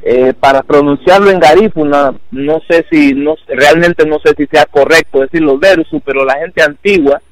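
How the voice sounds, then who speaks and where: A man's voice: on the high side, normal speed, hardly any pauses, dry recording, rough recording. A male musician being interviewed, explaining things hesitantly with stammered restarts. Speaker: musician guest. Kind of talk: interview talk.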